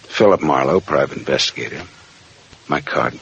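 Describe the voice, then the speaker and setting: An actor playing a world-weary American private detective, sardonic and clipped, in mid-century radio drama style. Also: male voice, extremely low pitch, moderate pace, gravelly, a bit bright, full character voice. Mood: dry, wry. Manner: sardonic, clipped, dry delivery. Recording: muffled, hissy old radio recording.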